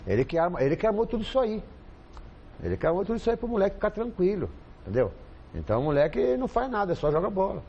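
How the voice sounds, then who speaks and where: A man's voice: sits high, sing-song, fast talker, muffled recording, a little hiss or hum. A man with a Brazilian accent, a football coach guest chatting casually on a TV panel, rambling and repeating himself with lots of fillers. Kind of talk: casual studio chat.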